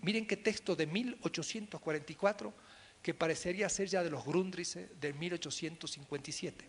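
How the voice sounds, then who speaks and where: A man lecturing on philosophy to a class. He talks emphatically, swings between loud stresses and quiet asides, and speaks straight to his listeners. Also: fairly high pitch, brisk, slight background noise. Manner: addresses the class directly.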